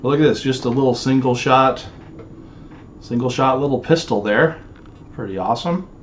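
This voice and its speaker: Speaking at a normal speed with a medium pitch, a storage unit reseller in his forties rambles casually through a show-and-tell vlog, filling his talk with fillers as he handles items. The setting is a small indoor home office, and the lo-fi recording carries slight background noise.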